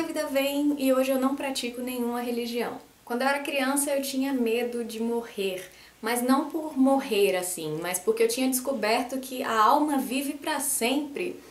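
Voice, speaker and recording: A lively woman in her twenties from Brazil with a faint Bahian accent, talking casually to camera as a science YouTuber and gesturing a lot. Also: fairly high pitch, reverberant. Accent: light Brazilian Portuguese, faint Bahian. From Salvador, Bahia, Brazil. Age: 20s. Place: small room indoors, posters on the wall.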